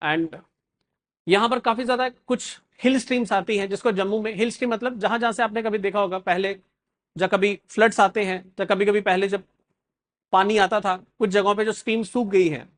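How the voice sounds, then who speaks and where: Male exam coach, high voice, chatty lecturing with English mixed in, quizzes students. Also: fairly even intonation, brisk, a bit bright. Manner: addresses viewers as guys, mixes English phrases in, quizzes the class. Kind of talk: classroom geography lecture.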